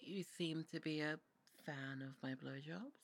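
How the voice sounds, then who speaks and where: A young adult performer putting on a bratty, demanding character in an audio roleplay, snippy and impatient, with a gravelly edge. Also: mid-range voice, a little slow. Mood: bratty, bossy. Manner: snippy and impatient, ordering around.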